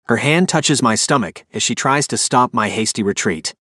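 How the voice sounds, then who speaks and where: A man's voice: mid-range voice, lively intonation, moderate pace, sharp tone, husky, dry recording, clean studio sound. A man narrating a first-person romance audiobook with an emotive, inner-monologue delivery.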